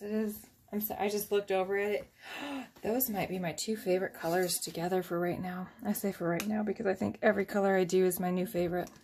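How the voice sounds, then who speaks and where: A medium-pitched woman in her thirties, with slight background noise, shows a craft step by step at home. Her delivery is casual, rambling and self-deprecating, full of jokes about herself.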